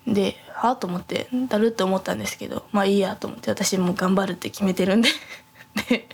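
A soft-spoken young woman chatting casually on a podcast, her voice carrying a gravelly, creaky texture at a middling pitch. She rambles through her story with lots of fillers and restarts. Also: fairly even intonation, fast talker. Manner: rambling, many fillers and self-corrections. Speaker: podcast host.

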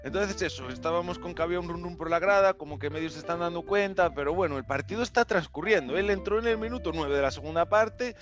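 A man's voice: high voice, fast, few pauses. A man from hosting a podcast, telling a story casually with slang and mouth sound effects. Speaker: podcast host. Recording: dull lo-fi with faint music.

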